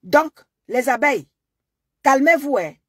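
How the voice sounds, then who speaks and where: A woman's voice: sits high, expressive, unhurried, no room sound, clean studio sound. A Cameroonian woman with a Cameroonian French accent, delivering a scolding monologue to her online followers and repeating her warnings again and again. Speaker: social media commentator.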